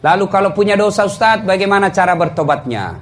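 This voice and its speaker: Male preacher, high-pitched, comic storyteller who swings from booming to hushed, faint background noise. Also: animated, fast talker. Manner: humorous storytelling, jumps from loud exclaiming to low confiding tones. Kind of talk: comedic sermon. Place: before a live congregation.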